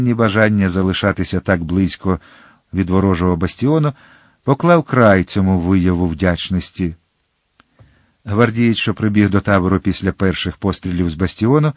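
Low-voiced man reading a novel aloud. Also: no echo, studio quality. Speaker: narrator. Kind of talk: audiobook narration.

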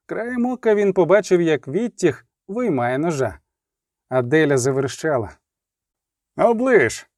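A man narrating an audiobook with a lively, dramatic reading. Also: a little high, normal speed, dry recording, clean studio sound.

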